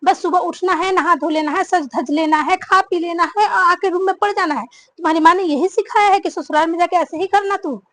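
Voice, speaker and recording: A woman's voice: high voice, moderate pace, dry recording, lightly acted. A woman acting a stern mother-in-law who scolds her daughters-in-law in a family drama. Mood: scolding. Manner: commanding, scolding.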